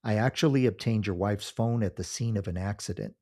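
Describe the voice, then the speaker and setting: A man's voice: on the low side, darkish tone, close to an everyday voice. A man playing a polite, sombre police officer in a narrated story, speaking formally and matter-of-factly. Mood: sombre, official. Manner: formal, measured, matter-of-fact. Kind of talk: scripted story dialogue.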